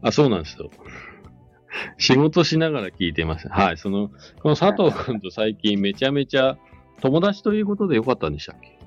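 A man's voice: mid-range voice, sing-song, a little fast. A man hosting a casual live radio chat, speaking politely and chattily. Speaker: radio host. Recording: dull lo-fi audio, faint music behind. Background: faint music.

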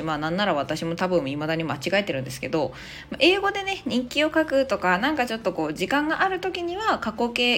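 A Japanese woman in her thirties hosting a casual audio English lesson, chatty and full of fillers, who reads model English phrases slowly. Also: mid-range voice, a little hiss or hum. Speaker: English teacher and podcast host. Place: Australia, speaking from abroad.

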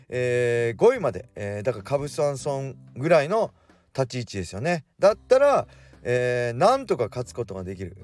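A man in his forties hosting a casual solo radio talk, drifting faster as he goes and correcting himself mid-phrase. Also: medium pitch, a little mellow. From Japan. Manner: speeds up as he talks, with self-corrections. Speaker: radio show host.

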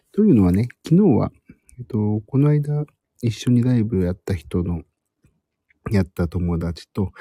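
A middle-aged man speaking in a hushed, husky half-whisper, chatting casually and haltingly to live stream viewers. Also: deep voice, no room sound. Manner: rambling, hesitant, searching for words. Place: at home in a room beside a sleeping child.

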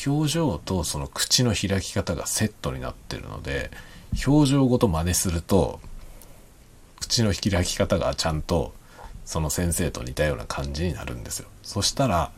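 A man talking quietly and rambling in a late-night solo chat, with soft chuckles and self-deprecating remarks. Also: low voice, a little hiss or hum. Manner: speaks quietly while drinking. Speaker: podcast host.

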